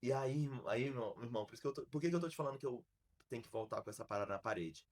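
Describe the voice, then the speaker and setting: Husky Brazilian man telling a story. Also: medium pitch, rapid-fire. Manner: animated, slangy, many restarts. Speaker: podcast host. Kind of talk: casual storytelling chat.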